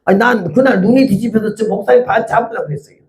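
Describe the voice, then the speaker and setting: Elderly woman missionary in her 80s, blunt and animated, testimony sermon. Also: medium pitch, fast. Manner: blunt, animated storytelling with acted-out quotes. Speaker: missionary preacher.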